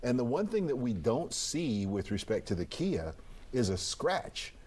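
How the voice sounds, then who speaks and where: A man's voice: mid-range voice, sing-song, a little slow, a little mellow, husky. A man of fifty-nine speaking as an interview guest, conversational, plain-spoken and folksy.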